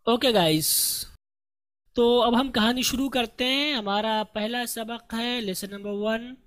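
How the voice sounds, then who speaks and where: A man teaching an English lesson, explaining a text line by line and reading the English sentences out slowly. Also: sits high, a bit bright. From India. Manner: slow, deliberate explaining, reads English lines very slowly.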